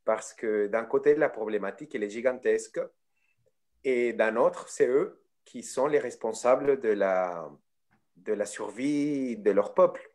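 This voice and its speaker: A man's voice: mid-range voice, measured pace, a little mellow. Hesitant man answering on a panel. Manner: hesitant, searching for words.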